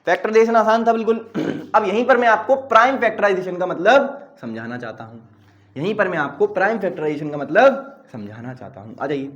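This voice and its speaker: A male maths teacher giving an online lecture. He repeats key terms, has the class call them back, acts out students' questions himself, and clears his throat often. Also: high-pitched, animated, a little fast, a bit bright, lo-fi sound. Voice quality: some English terms mixed in. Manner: voices students' questions himself and answers them, calls learners "dear children".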